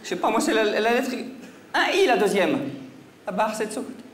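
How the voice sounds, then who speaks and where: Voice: medium pitch, expressive, fairly quick, slight background noise. Teasing stage mentalist in an echoey hall. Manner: teasing, mock-serious patter. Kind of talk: live comedy mind-reading routine with audience volunteers. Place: stage before a live audience. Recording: echoey hall with faint crowd.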